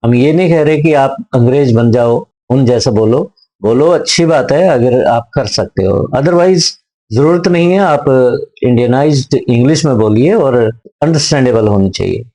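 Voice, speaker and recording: A man lecturing on speaking skills, who reads each English tip slowly and then explains it in Hindi, often repeating a point in several words. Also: mid-range voice, animated, dark tone, low-quality recording. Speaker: teacher.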